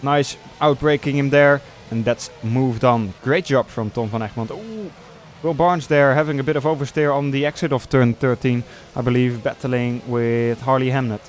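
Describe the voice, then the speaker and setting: A man giving live motorsport commentary on sim racing, conversational and hesitant between bursts of excited calls. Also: mid-range voice, normal speed, hardly any pauses.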